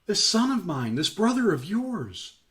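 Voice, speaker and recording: A man's voice: high-pitched, very animated, unhurried, a bit bright, pitched above the performer's own voice, exaggerated voice. A man doing an emphatic, joyful old father. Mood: pleading joy. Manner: pleading, emphatic.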